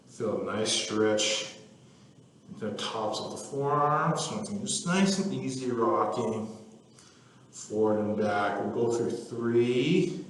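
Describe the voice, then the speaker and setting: A man leading a guided movement workout, calmly counting reps and cueing stretches with the odd joking aside. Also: mid-range voice. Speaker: fitness instructor. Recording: echoey room from far off with faint ambience.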